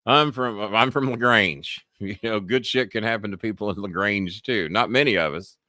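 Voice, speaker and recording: A man's voice: lowish voice, normal speed, bright, forceful tone, dry recording, studio quality. A middle-aged American man hosting a live-stream show, rambling bluntly and cursing freely in a casual monologue. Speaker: podcast host.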